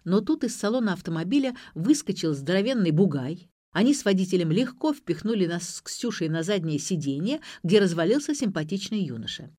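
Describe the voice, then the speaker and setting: A woman narrating a first-person detective story in a brisk, ironic way. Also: on the low side, big pitch swings, dark tone, no room sound, clean studio sound. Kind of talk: audiobook narration.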